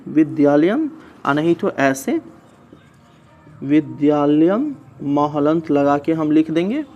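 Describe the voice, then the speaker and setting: Male tutor, unhurried and methodical, talks students step by step through translation drills, slightly raised pitch. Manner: slow, patient, asks and answers his own questions. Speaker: Sanskrit teacher. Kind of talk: classroom lesson explaining translation.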